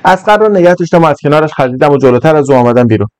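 A man narrating a short story in an even, measured reading voice. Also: fairly high pitch, smooth, no echo. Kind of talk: scripted narration.

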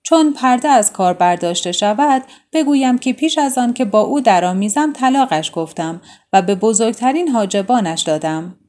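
A woman voicing a grieving, stern young prince in a storybook tale, speaking low and gravely. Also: animated, warm tone, natural voice. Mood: troubled.

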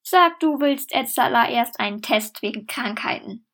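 A woman voicing a cheerful, cunning sheep that speaks sweetly and slowly in a storybook reading. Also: a little high, animated, fairly bright tone. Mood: sly. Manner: sweet, measured and sly.

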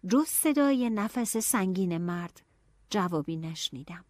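A woman narrating a novel in an expressive audiobook style, dropping to hushed tones and rising to anxious cries. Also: mid-range voice, dry recording.

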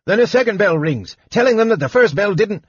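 Man voicing a gnome, fussy, excitable, high-pitched, fast chatter, dull dry recording. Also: husky, dry recording. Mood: eager explaining.

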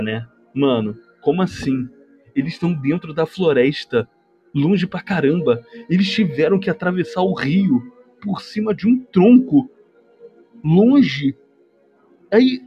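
A man's voice: high-pitched, muffled recording. A man with a Brazilian accent retelling a movie on a livestream, rambling and sarcastic, mocking the characters with lots of slang. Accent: Brazilian Portuguese. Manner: rambling, animated storytelling with slang. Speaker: livestream host. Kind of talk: comedic movie recap.

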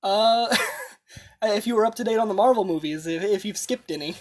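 A woman's voice: mid-range voice, normal speed, darkish tone. A young American woman from South Florida hosts a casual podcast chat, laid-back and laughing often. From South Florida, USA. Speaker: podcast host.

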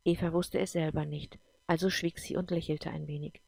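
Gravelly low-voiced woman narrating. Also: moderate pace, no room sound. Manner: even, storytelling delivery. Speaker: audiobook narrator. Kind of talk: scripted narration.

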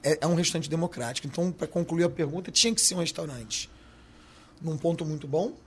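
A restaurant owner with a Carioca Portuguese accent talks in a podcast interview, slangy and emphatic. His voice is a little high and his pace is quick.

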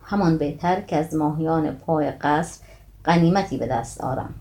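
A woman reading a classical tale aloud in a steady, old-fashioned literary manner. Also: sits low. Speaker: storyteller.

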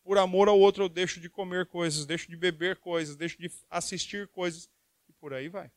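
A man's voice: high-pitched, fairly even intonation, a little fast, no room sound, studio quality. A man preaching a sermon, reading Bible verses and asking the listeners rhetorical questions.

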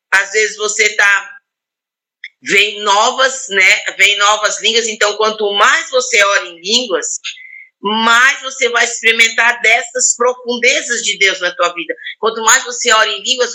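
A middle-aged woman pastor, speaking, talks about prayer in a reflective, personal way, often pausing with "né" and restarting her sentences. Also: mid-range voice, sharp tone, low-quality recording. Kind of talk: casual teaching talk on prayer.

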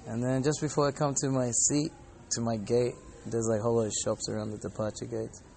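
A man's voice: medium pitch, level tone, a little fast, vocal fry, mellow. A man talking casually and earnestly in a rambling, informal podcast style, telling stories and reflecting. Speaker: podcast host and Hare Krishna devotee. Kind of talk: casual spoken storytelling and reflection. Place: airport departure gate area. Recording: faint airport background noise.

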